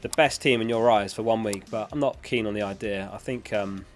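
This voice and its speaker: A man's fairly low voice comes through a close dynamic studio mic, a little fast, over soft background music. Hosting a livestream, he casually reads out and answers viewer questions in a matter-of-fact tone, though being unwell has his voice starting to give out.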